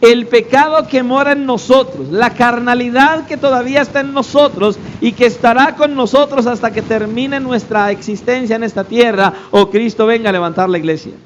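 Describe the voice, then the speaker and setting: A man with a strikingly high voice preaches a sermon in a church, pressing his listeners with rhetorical questions. His delivery is emphatic and driving. A faint hum of noise sits behind him. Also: normal speed, few pauses, rough recording. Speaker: pastor.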